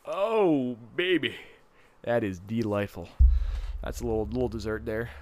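A man's voice: on the low side, flat delivery, fairly quick, warm tone. A man co-hosting a casual podcast, enthusiastic and full of "like" fillers, talking in a studio. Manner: enthusiastic, filler-heavy with lots of "like". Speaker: podcast co-host.

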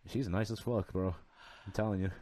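A man's voice: fairly low pitch, fairly even intonation, moderate pace, dark tone. A young man chatting casually like a frat bro, with lots of slang and swearing. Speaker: podcast guest. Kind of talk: casual chat.

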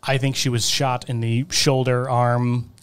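A man's voice: mid-range voice, flat delivery, unhurried, smooth. Thoughtful man explaining film points. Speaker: podcast panelist. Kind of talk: casual movie discussion.

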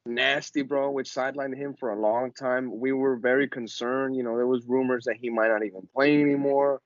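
A man's voice: mid-range voice, steady tone, fairly quick, dry recording. A man hosts a casual sports podcast in slangy frat-bro style. His mid-range voice is recorded very dry, with a slightly dull, lo-fi tone. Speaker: podcast host.

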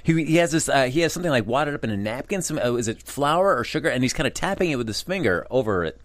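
A man's voice: medium pitch, lively intonation, fast. A man co-hosting a casual talk show about a cooking competition, rambling and self-deprecating. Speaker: co-host. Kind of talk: casual chat.

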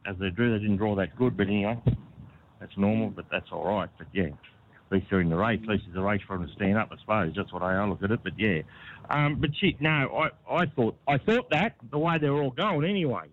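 A man's voice: lowish voice, fairly quick. A man with an Australian accent chatting casually in an interview as a horse trainer, rambling and laconic, often repeating himself. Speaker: harness racing horse trainer being interviewed. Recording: tinny phone line with clear noise.

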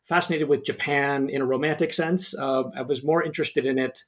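A middle-aged history professor from New Jersey, with an American accent, answers interview questions as a podcast guest. He speaks fairly quickly at a medium pitch with fairly even intonation, hesitating often with many fillers and restarts.

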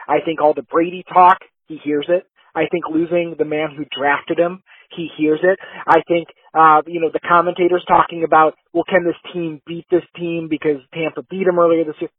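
A man's voice: fairly high pitch, slightly rough, dry recording. A man co-hosting a sports podcast, making fired-up, emphatic predictions. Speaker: podcast co-host. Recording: tinny phone-like line.

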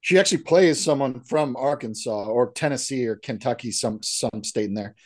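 Halting man chatting about films. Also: medium pitch. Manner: enthusiastic, halting restarts. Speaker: podcast co-host. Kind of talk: casual movie recap chat.

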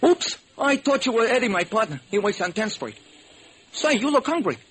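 An actor playing a friendly street beggar in a 1940s radio drama, chummy and generous. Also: male voice, sits high, very animated, normal speed, fairly bright tone, slight background noise, voice pushed up, low-quality recording. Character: friendly fake blind male beggar.

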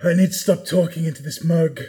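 A man's voice: on the high side, brisk, warm tone. A man voicing a goofy comedy character who speaks with his mouth in a mug, so his voice sounds muffled and hollow. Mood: hammy. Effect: muffled, spoken into a mug.

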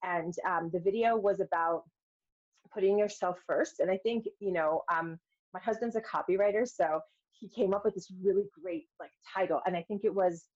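In a dull, lo-fi recording, a middle-aged woman with a lowish, slightly mellow voice speaks at normal speed. She's a filmmaker and speaker appearing as a podcast guest, candidly sharing personal stories and acting out quotes from herself and others.

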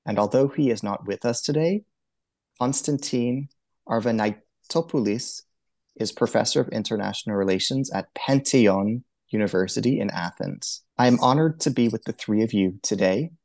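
A man's voice: fairly low pitch, normal speed, a little mellow. A man hosting an academic history podcast. He speaks formally and carefully, reading out each guest's credentials in turn. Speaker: podcast host. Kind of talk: formal interview introduction.

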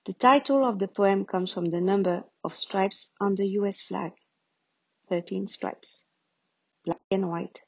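A middle-aged woman reads her poem slowly and deliberately, her voice a little husky. The sound is dull and lo-fi, and the room is dry and close. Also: mid-range voice, darkish tone, no echo. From France. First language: French. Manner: slow, deliberate recitation. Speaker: poet. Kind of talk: poetry reading with introduction. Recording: dull lo-fi recording.

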